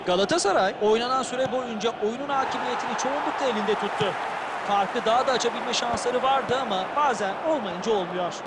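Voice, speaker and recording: A man playing a football co-commentator in a video game, giving measured, explanatory analysis of the play. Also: very high voice. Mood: analytical. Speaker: co-commentator, pundit. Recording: loud stadium crowd noise. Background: roaring stadium crowd.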